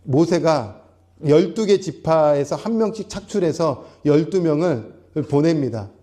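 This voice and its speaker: A man's voice: on the high side, expressive, unhurried, warm tone. A male pastor delivering a Sunday sermon, explaining word meanings step by step and putting questions to the congregation. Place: small church.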